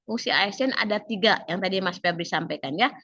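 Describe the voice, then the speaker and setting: A woman instructor coaching an online class, slightly hoarse, chatty, and quizzing students by name. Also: mid-range voice, brisk, bright, forceful tone, no room sound, lo-fi sound. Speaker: civil service training instructor.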